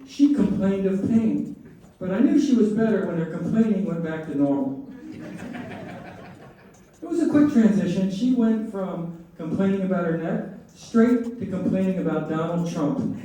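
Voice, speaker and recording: A middle-aged man delivers a stand-up set in setups and punchlines, leaving pauses as the audience laughs. His voice is slightly high and soft-edged rather than bright. It comes from a distance in a very reverberant live room. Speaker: stand-up comedian. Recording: roomy echoing live venue, distant mic, faint noise.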